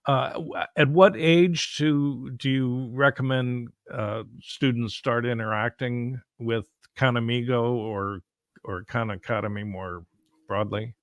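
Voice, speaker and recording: A man hosting a podcast interview, asking questions in a halting, hesitant way with many fillers. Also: medium pitch, steady tone, dry recording, studio quality. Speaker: podcast host.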